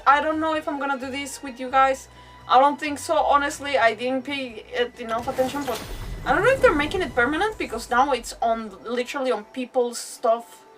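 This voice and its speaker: A girl streams a game with a somewhat high voice, chatting casually and commenting on her play. She rambles and hesitates, using mild substitute swearwords. She's a bit far from the mic, with soft game music in the background.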